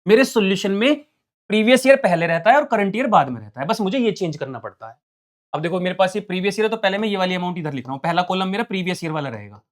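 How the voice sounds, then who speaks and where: A man teaching accountancy in an online lesson, reading out numbers as he writes and firing quick questions that he then answers himself. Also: high voice, lively intonation. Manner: talks while writing, reading out numbers. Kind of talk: online lesson, solving on a board.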